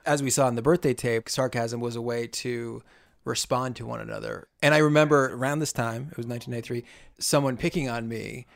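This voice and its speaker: A man's voice: medium pitch, fairly even intonation, a little fast, creaky. A man co-hosting a podcast in casual chat, telling a reflective story and laughing often. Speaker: podcast co-host.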